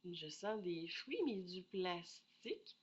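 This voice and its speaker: A woman's voice: lowish voice, lively intonation, takes it slowly, husky, highs cut off. A woman with a Québécois French accent chatting casually as she reviews perfume samples, thinking aloud and apologizing often, with a head cold. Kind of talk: casual solo review chat.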